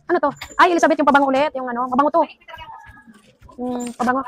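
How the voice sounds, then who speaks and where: A high-pitched woman chats her way through an unboxing for her vlog, thinking aloud and exclaiming at each item. Her voice sits well above the usual, and there is a faint background hiss under the talk. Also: racing. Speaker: vlogger unboxing a gift package. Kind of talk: casual chatty unboxing vlog.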